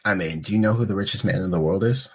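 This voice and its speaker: A man's voice: low voice, fast talker, breathy edge. A young man co-hosting a podcast in casual chat, rambling, joking and laughing often. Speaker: podcast co-host.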